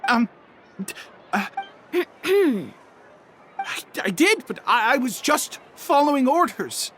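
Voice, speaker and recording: A meek, anxious underling in a video game. The voice is fairly high and slow, wavering widely in pitch as it hesitates and stammers, over faint background noise. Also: female voice, very animated, exaggerated voice. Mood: cornered, apologetic.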